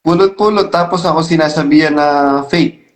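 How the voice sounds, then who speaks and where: Lalaking animated ang salita, maalingawngaw na kwarto. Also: male voice, a little high, brisk. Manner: animated, scolding when addressing critics. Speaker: channel host. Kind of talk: casual chat. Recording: echoey room.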